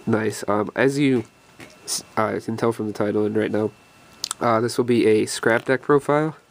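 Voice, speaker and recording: Slight background noise surrounds a fairly low voice with vocal fry, speaking at normal speed. The young man hosting this deck profile video has a cold, so he sounds congested and out of breath as he rambles through a casual card deck walkthrough, full of ums and restarts.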